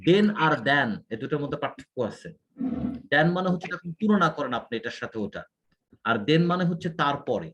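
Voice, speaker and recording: This IELTS tutor has a fairly bright, high-leaning voice and speaks a little fast with animation. Working one-on-one, he goes through his student's mistakes point by point, correcting each. The recording sounds lo-fi.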